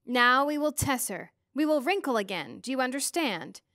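A woman voicing a wise, kindly ancient female star being who speaks gently and patiently. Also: sits high, big pitch swings, normal speed, no echo, clean studio sound, full character voice. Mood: gentle.

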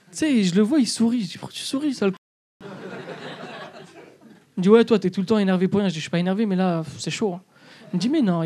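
A man's voice: high-pitched, a little mellow. A young man doing stand-up in a comedy club, telling a story and acting out both sides of the dialogue.

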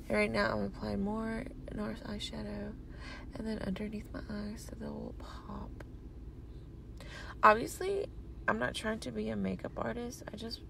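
A young woman with a very gravelly, creaky voice talks her way through a casual makeup voiceover. She sounds sleepy and rambles with plenty of fillers at an average pitch. Steady background noise hums under the recording. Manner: chatty, rambling, many fillers. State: sleepy, yawning. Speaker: beauty vlogger.

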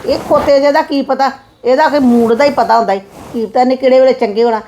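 A woman playing a fretful middle-aged mother, talking fast in a warm, mellow voice. She coaxes her daughter gently and grumbles about her son. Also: sits high, fairly even intonation, a little hiss or hum, close to an everyday voice. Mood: coaxing. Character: worried middle-aged mother, soothing yet scolding. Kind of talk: family short-film acting.

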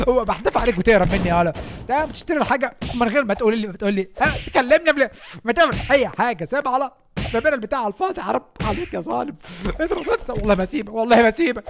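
A young man with an Egyptian Arabic accent giving excited gameplay commentary as a gaming YouTuber, often shouting and laughing. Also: extremely high pitch, background noise.

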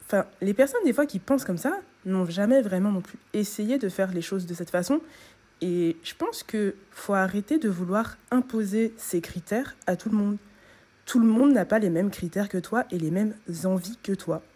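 A woman's voice: mid-range voice, mellow, breathy edge. A young woman vlogging in a casual chat, talking straight to the viewer. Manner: chatty, talks straight to the viewer. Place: at home.

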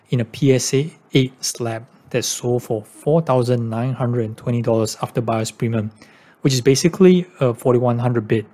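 A man with a mellow, medium-pitched voice hosts a YouTube channel about card investing, delivering scripted commentary in an informal, matter-of-fact style.

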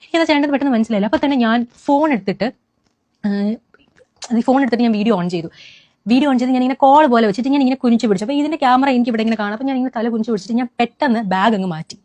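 A woman's voice: a little high, dry recording. A young woman, animatedly retelling what happened to her in an eyewitness account. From Kerala, India. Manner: rapid, animated retelling with many restarts. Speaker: eyewitness recounting an incident. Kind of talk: first-person account.

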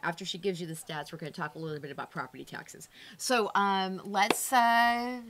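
A woman's voice: lowish voice, fairly even intonation, noisy background. A woman hosting a casual real estate update, chatty and upbeat, often chiming in. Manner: chatty, upbeat, quick to chime in. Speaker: real estate agent and show host. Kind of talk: casual market-update chat.

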